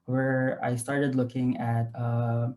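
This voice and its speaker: A man's voice: medium pitch, monotone, slow, a little mellow. Young male academic, Filipino accent, Taglish, mid-range voice, informal online talk. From Philippines. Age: young adult. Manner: mixes Tagalog and English (Taglish). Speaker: guest lecturer, graduate researcher. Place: home room, indoors. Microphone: video call.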